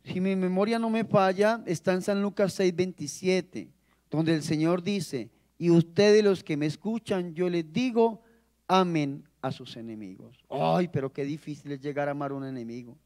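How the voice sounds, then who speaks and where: High-voiced priest preaching with sweeping emphasis. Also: male voice, darkish tone. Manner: preaching with dramatic rises and drops, drawn-out emphasis; rhetorical questions to the congregation. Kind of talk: sermon.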